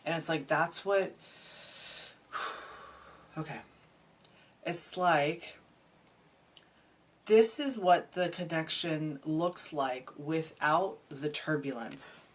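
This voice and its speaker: A low-pitched woman reads tarot cards aloud at an unhurried pace, searching for words and restarting her thoughts as she goes. Faint ambient noise sits behind her voice. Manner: musing, halting, emotional, trails off and restarts. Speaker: tarot reader. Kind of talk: intuitive tarot reading.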